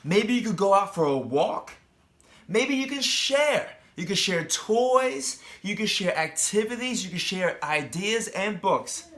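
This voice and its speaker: Reading a picture book to little ones, a teacher talks to the children directly, tossing in chatty comments and questions. His high voice is very animated and a bit bright, and he goes a little slowly.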